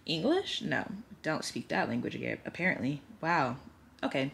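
Brief: twenties woman vlogging at home, bright, forceful, blunt and sweary, echoey room with faint hiss. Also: deep voice, big pitch swings, normal speed, gravelly. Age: 20s. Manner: blunt, swearing freely, ranting. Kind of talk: casual vlog talk to camera. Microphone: compact vlog camera mic.

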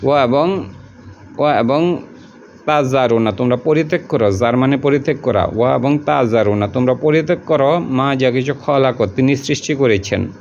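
A man at a middle pitch teaches a word-by-word translation lesson, going over each word and its meaning again and again. His delivery is patient and colloquial. The recording sounds a little muffled and lo-fi, with a faint hiss behind him. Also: normal speed, a little mellow.

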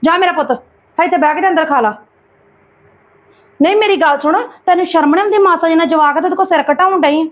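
A woman playing a sharp-tongued, overbearing mother who nags and scolds in an amateur family drama. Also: very high voice. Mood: scolding. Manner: fast, scolding, nagging.

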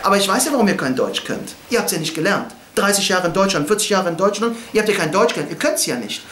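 A man's voice: high voice, lively intonation, quick pace, a bit bright, a little hiss or hum. Impassioned man lecturing in an echoey hall. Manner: blunt, impassioned, asks rhetorical questions. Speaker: religious lecturer. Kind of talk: religious lecture with storytelling.

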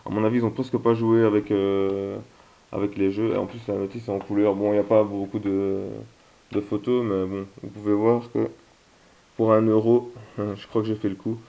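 A man chats through his video game finds in a relaxed, hesitant way, filling his pauses with "euh". His voice is dark and mellow. The recording sounds a little dull and lo-fi. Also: on the low side. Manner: hesitant, many fillers. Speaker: video game collector vlogger. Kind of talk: casual haul vlog.

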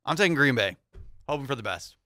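Young man, easygoing sports podcast co-host, bright forward tone, dry studio mic. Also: mid-range voice, animated, fast, no room sound. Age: young adult. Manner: easygoing, reads out matchups with light laughs. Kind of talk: casual sports podcast chat. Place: small podcast studio with foam panels. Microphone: studio mic on boom arm, headphones.

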